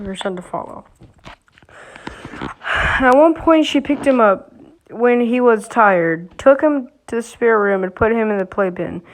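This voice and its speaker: Woman vlogger reading a post aloud, casual and stumbling, mid-pitched. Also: rough recording. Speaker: YouTuber reading Reddit posts.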